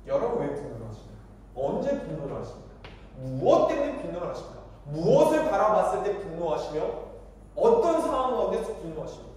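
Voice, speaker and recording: A young man preaching to a church youth group, lively and questioning, acting out quoted voices. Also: high voice. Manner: animated, acts out quoted voices, asks the congregation questions. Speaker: youth pastor. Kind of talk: sermon. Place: church hall. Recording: echoey church hall, mic from far off.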